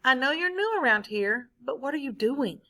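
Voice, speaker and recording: A woman teacher voicing a kind schoolgirl in a read-aloud story, speaking softly but firmly. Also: high voice, animated, normal speed, pitched above the performer's own voice, exaggerated voice. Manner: soft but firm. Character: kind, firm schoolgirl classmate.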